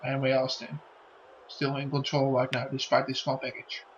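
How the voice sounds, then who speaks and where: A man's voice: mid-range voice, monotone, moderate pace, muffled recording, slight background noise. A man working as a wrestling commentator, making dramatic calls and drawing out key phrases.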